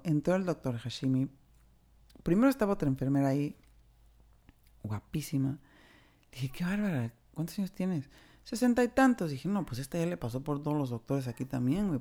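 A woman's voice: deep voice, mellow. A woman with a Mexican Spanish accent, casually and candidly telling a personal story, acting out the dialogue with slangy flair. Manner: chatty and candid, slangy, acts out dialogue with shifting voices.

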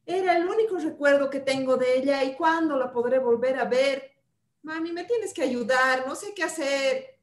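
An anxious young daughter pleading with her mother over and over, played by a woman in a demonstration role-play. The voice sits high, and the sound rings with clear room echo. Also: moderate pace, a little mellow, natural voice. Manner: pleading, repeats "mamá".

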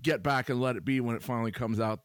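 A man's voice: mid-range voice, steady tone, quick pace, clear, resonant tone, no echo. A man co-hosting a podcast, talking casually with lots of fillers and dry humor. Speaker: podcast co-host.

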